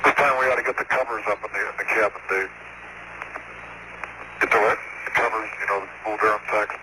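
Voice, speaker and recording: A man's voice: on the low side, steady tone, a little fast. A male astronaut talking over a space radio link, mixing clipped technical callouts with casual observations. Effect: space radio transmission. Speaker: astronaut driving a lunar rover. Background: radio static and noise.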